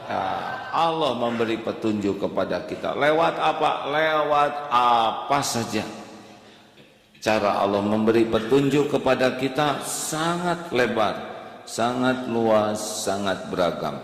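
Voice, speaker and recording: Slow, low-voiced preacher in an echoey hall. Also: male voice, animated, a bit bright. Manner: slow, unhurried sermon cadence with sung Quranic recitation. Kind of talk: sermon. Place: large hall with a congregation.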